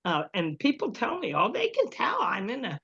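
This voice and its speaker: A woman's voice: on the high side, huge pitch swings, normal speed, gravelly, a bit bright. Chatty woman telling a story, lo-fi sound. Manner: chatty storyteller, laughs often, acts out quotes. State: prone to coughing. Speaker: group member. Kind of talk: casual group chat.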